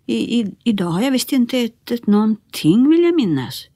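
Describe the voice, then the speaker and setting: Name: Nisse. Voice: a woman doing a tiny eager pyssling, raised high. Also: big pitch swings, dark tone, no echo, clean studio sound. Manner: eager, shy, bouncy. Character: tiny eager friendly boy-sized little person.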